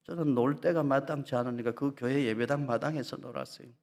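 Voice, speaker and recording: A male pastor delivers a sermon in a mid-pitched voice. His delivery is dramatic: he slows right down for tender moments and suddenly rises to loud, high-pitched shouts when imitating mockers.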